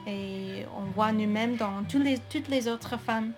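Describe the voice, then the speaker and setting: American woman speaking slow, hesitant French. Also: a little high, music in the background. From United States. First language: English. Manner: hesitant, searching for words, laughs often. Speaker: guest. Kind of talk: interview conversation.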